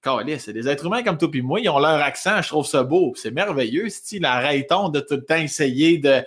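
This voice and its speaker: A comedian in his thirties with a Québécois accent, telling stories in casual chat, animated and swearing freely. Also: a little high, fairly quick. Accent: Québécois French. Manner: animated storyteller, swears freely, laughs often. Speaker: comedian guest.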